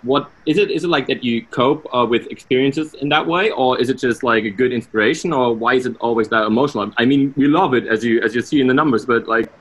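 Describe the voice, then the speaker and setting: A man interviewing a guest over a video call, a German native speaker asking halting questions full of fillers. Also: medium pitch, a bit bright, slightly rough, rough recording. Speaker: radio interviewer.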